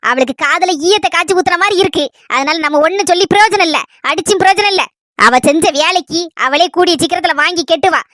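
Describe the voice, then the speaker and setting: A woman with a Kanyakumari Tamil accent rattles off her lines in a village family comedy skit. Her voice sits very high and sounds bright and sharp, and she scolds fast and shrilly. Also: no room sound, studio quality. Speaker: comedy sketch performer.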